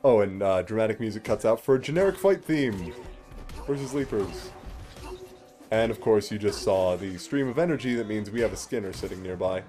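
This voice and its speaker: With game music in the background, a man with a low, mellow, expressive voice talks fairly quickly. He's a let's play host casually explaining things as he plays, in a wry manner.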